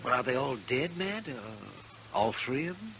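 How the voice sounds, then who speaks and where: An American actor playing a fussy, excitable frontier doctor who hems and questions querulously in a 1950s radio western. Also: male voice, mid-range voice, normal speed, natural voice. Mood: querulous, troubled. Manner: querulous, hemming, inquisitive. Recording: hissy 1950s radio drama recording.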